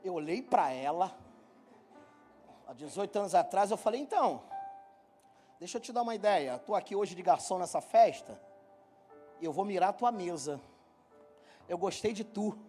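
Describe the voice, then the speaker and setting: A middle-aged man from Brazil delivers a sermon as a running comic story, talking straight to the people in front of him. His voice sits high for a man. Soft music plays faintly behind him in the church. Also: moderate pace, pauses often. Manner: joking, animated storyteller, talks straight to the congregation. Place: church hall.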